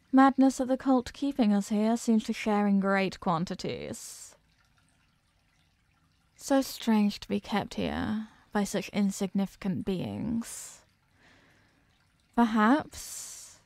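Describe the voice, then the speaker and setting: In a slow horror audio roleplay with an ASMR feel, a woman plays an ancient eldritch goddess who is imperious and menacing. Her mid-range voice is mellow and gravelly, captured very dry and intimate without any room sound, as she addresses lesser beings with deliberate, hungry condescension.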